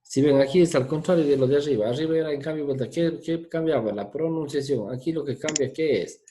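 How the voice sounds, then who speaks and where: A man's voice: a little high, brisk, mellow. A man teaching an online English class, patient and often asking for confirmation. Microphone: video call.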